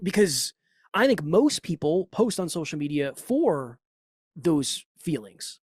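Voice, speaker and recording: A man's voice: a little high, husky, no room sound, studio quality. A man with a Boston accent, a podcast coach talking as a guest in a casual, emphatic conversation. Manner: emphatic, animated, quick asides.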